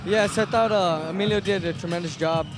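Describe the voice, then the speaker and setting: Halting male boxing analyst, fairly high voice. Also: over music. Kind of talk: unscripted fight analysis.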